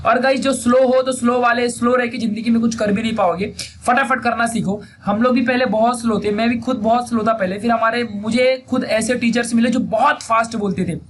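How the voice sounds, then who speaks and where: A man's voice: very high-pitched, steady tone, fairly quick, fairly bright tone. A young man teaching biology, asking questions and answering them himself, saying "theek hai" again and again. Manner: quizzes students and answers himself, repeats key terms. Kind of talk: fast-paced classroom lecture. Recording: faint background noise.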